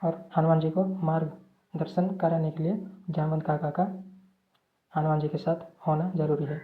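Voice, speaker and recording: Woman narrator, casual story recap, steady monotone, frequent self-corrections, tinny phone-quality sound. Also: deep voice, moderate pace. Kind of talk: casual retelling of a film's story.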